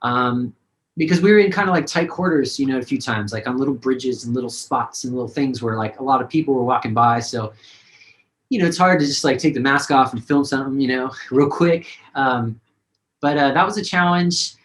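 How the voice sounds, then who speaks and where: A man's voice: medium pitch, a little fast, a bit bright, low-quality recording. A man, a singer-songwriter, talking casually and rambling with many fillers in a video-call interview.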